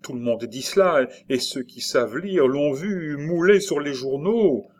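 A man reading a story aloud, voicing a superstitious, excitable peasant nurse in a high exclaiming voice. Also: a little slow. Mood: frightened. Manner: shrill exclaiming falsetto. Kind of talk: audiobook reading.

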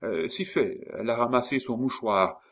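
A man's voice: mid-range voice, moderate pace, pitched above the performer's own voice, lightly acted. A man voicing a flustered, simple middle-aged woman who hesitates and stammers.

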